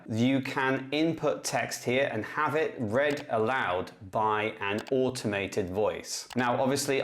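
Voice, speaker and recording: A man in the role of an English teacher, walking through a tutorial one step at a time. His pitch sits in a middle range, and his delivery is clear and methodical. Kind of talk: classroom-tech tutorial explanation.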